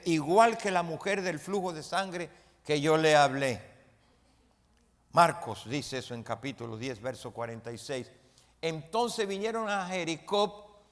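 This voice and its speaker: A man preaching from the pulpit in a slightly raised voice, drawing out his words at an unhurried pace. His delivery is emphatic and builds to loud, dramatic peaks. The sound carries a long reverb from a church hall. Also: on the high side. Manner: asks the congregation for responses. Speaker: pastor. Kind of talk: sermon. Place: church sanctuary.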